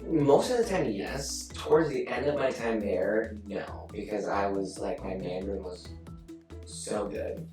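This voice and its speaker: A young man chatting casually as a guest, full of fillers and quick laughs. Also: on the low side, expressive, darkish tone. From China. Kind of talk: casual chat. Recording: roomy sound from a distant mic with faint music.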